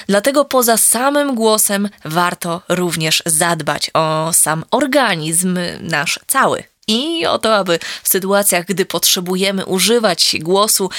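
A woman's voice: lowish voice, a bit bright, no room sound. Chatty woman hosting a dry-sounding podcast. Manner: conversational, frequent filler hesitations. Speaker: podcast host and voice coach. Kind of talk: solo podcast talk. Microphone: studio microphone.

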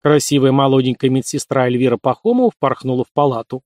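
A man narrating an audiobook in an even, clear reading. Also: mid-range voice, quick pace, no echo, clean studio sound.

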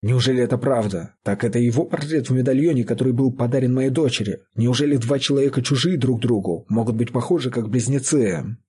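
A man voicing a grim, vengeful farmer who speaks calmly and accusingly. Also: medium pitch, fairly quick, breathy edge. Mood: agitated. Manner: calm, accusing. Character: grim vengeful middle-aged male farmer, calm and sure.

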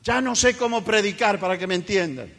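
A man's voice: high voice, a little fast, fairly bright tone, slightly rough. A man preaching a sermon as a pastor, emphatic and fiery, mocking the voices of complainers. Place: church hall. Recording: reverberant church hall.

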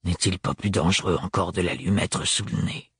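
A man playing a tall cold nobleman in an audiobook, lowering his voice into a hard, clipped delivery. The voice is husky and the recording sits dry and close. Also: level tone, unhurried, dry recording, exaggerated voice. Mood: cold, curt.

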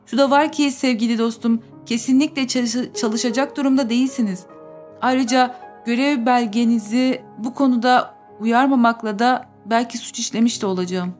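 A woman's voice: on the high side, fairly even intonation, moderate pace, faint music behind, lightly acted. A woman reading the part of a stern male professor who firmly admonishes a colleague in an audiobook. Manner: firm, admonishing.

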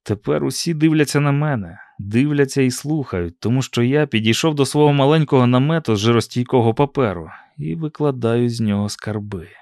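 A man's voice: mid-range voice, a little fast, hardly any pauses, darkish tone, dry recording. A man reading a first-person audiobook in a dry, ironic storytelling manner. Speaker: audiobook narrator.

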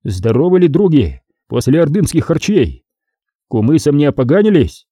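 Guy doing a joking medieval captain, lively swings, dark dry sound. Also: a little high, moderate pace, husky, dry recording. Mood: bantering.

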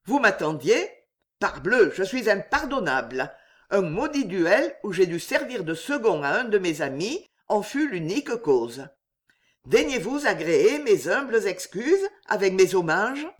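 Give me a reader as a mock-courteous, menacing gentleman who speaks slowly and with emphasis. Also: mid-range voice, big pitch swings. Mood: smug. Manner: smooth, mockingly gallant, emphatic. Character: smug, menacing male suitor, mock-courteous.

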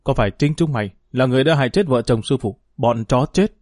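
A vengeful young martial artist, voiced by a man in a storybook, furious and accusing. He talks quickly through gritted teeth. The sound is dry. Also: medium pitch, a little mellow, no room sound, natural voice. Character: angry young male martial artist seeking revenge.

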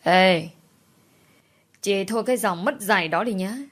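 A defiant young servant woman, voiced by a woman narrator answers back in a low, firm voice. Her words are blunt and cutting. It is a storybook telling. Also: moderate pace, a bit bright, lightly acted.

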